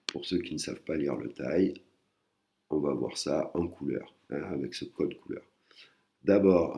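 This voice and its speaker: A man's voice: very deep voice, warm tone. A man teaching a language lesson, patient and explanatory, often repeating and rephrasing himself. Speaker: Thai teacher.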